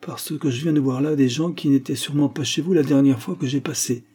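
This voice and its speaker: A man reads a composed, sharp-minded detective in an audiobook. The voice is mellow and a touch husky, and it stays steady and certain as the detective explains himself. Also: medium pitch, brisk, voice pushed up, natural voice. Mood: assured. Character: calm, confident male detective, sharp-minded. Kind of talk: audiobook character reading.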